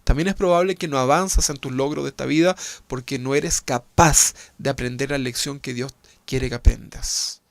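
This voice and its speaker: A man's voice: mid-range voice, fairly even intonation, normal speed, vocal fry, no echo. Emphatic Chilean preacher man. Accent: Chilean Spanish. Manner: emphatic, rhetorical, constant tag questions. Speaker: pastor. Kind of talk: sermon.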